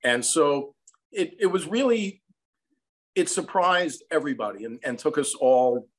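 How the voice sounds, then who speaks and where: Fairly high in pitch, expressive and a little slow, this American man in his sixties speaks as an interview guest over a video call. A songwriter and film composer, he relates anecdotes reflectively and conversationally from a small indoor room at home.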